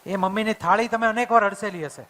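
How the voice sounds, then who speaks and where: High, bright-voiced male speaker in a hall. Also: fast talker. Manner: acts out family dialogue in plain voice. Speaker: motivational speaker. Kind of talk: storytelling talk to an audience. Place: community hall event. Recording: hall reverb, stage mic.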